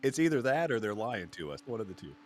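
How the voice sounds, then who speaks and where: A man's voice: on the low side, sing-song, fast talker, slight background noise. A man with an American accent commentating a sim racing broadcast in a laid-back, chatty way, laughing often. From United States. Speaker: race commentator.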